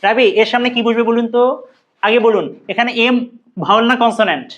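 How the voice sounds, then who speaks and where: A woman teaching English pronunciation. She keeps firing quick questions at her students and coaxes answers out of them. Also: fairly high pitch, dull audio, a little hiss or hum. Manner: quizzing students, brisk and coaxing. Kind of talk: classroom lesson. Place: classroom with students.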